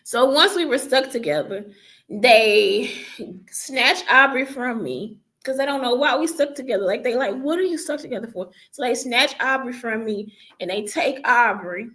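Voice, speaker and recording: A woman's voice: on the high side, a little slow, pushed and bright. A woman vlogger recounting her life story in casual first-person talk, rambling with many fillers and self-corrections.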